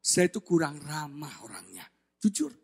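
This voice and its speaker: A male pastor, delivering a sermon in a blunt, animated way and often shouting for emphasis. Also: a little high, normal speed, vocal fry, husky. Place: church sanctuary.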